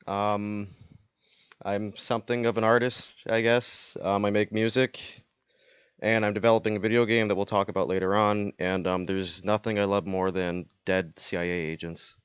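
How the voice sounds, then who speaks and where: A young man with a very deep, smooth voice talks in a laid-back, dry way on a podcast, swearing casually. The recording is a bit dull and lo-fi, dry and close. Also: little pitch movement, moderate pace, fairly bright tone, no room sound. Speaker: podcast co-host. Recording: slightly dull lo-fi mic.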